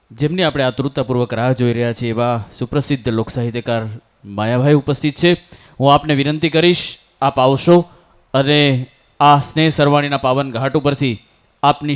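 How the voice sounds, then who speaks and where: A man's voice: mid-range voice, steady tone, moderate pace, smooth. A male emcee thanks the previous speaker and introduces the next guest in a polite, ceremonious manner. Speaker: event emcee. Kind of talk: formal stage announcing.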